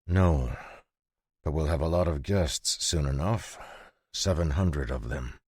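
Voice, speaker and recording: A man voicing a calm, curt young swordsman who speaks steady and unhurried. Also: a bass voice, husky, no echo, studio quality, exaggerated voice.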